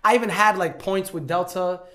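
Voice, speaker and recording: Fast-talking New guy telling a story. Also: high-pitched. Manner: animated, acts out quoted voices, stumbles and repeats words. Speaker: podcast guest. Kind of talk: casual storytelling.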